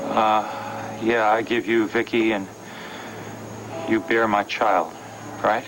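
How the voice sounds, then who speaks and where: An actor playing a menacing male kidnapper who talks slowly and insinuatingly on the phone in a soap opera. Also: on the low side, little pitch movement. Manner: slow, drawn-out, insinuating. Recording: noisy old TV soap recording.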